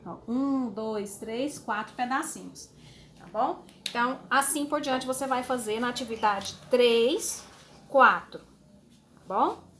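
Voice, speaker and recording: A woman teacher explaining a homework sheet to young children, slowly and patiently, with fond little words. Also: on the high side, fairly bright tone, a little hiss or hum. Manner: slow, patient, uses diminutives. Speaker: schoolteacher.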